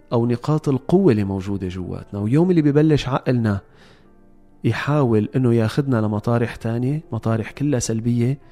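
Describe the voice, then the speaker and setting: Levantine arabic guy doing a motivational explainer, talks quick, soft mellow tone, bit emphatic, music in the back. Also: medium pitch. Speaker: host of a self-help series.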